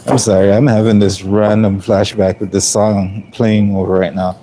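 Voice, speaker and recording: Chatting casually while he cooks on a livestream, a middle-aged Jamaican man speaks with a mostly Canadian accent carrying a hint of Jamaican. His voice sits on the low side at a normal speed, relaxed and rambling with plenty of ums, while a crowd is audible behind him.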